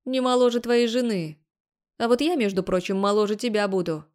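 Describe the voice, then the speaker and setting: A woman's voice: mid-range voice, steady tone, brisk, darkish tone, close to an everyday voice. A woman voicing a blunt, ironic young man who speaks matter-of-factly, in an audiobook. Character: laid-back ironic young blond man.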